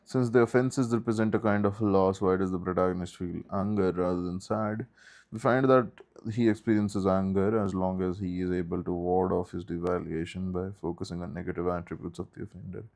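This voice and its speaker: Man, low voice, monotone, reading a textbook aloud, brief asides. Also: fairly quick, vocal fry. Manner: reads steadily, breaks off for short asides. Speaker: study group leader.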